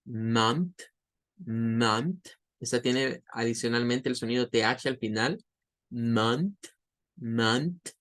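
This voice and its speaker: A man teaching English pronunciation, saying each example word over and over slowly. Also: mid-range voice, fairly even intonation, fairly bright tone. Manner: patient, repeats words slowly for drilling. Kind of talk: online language lesson.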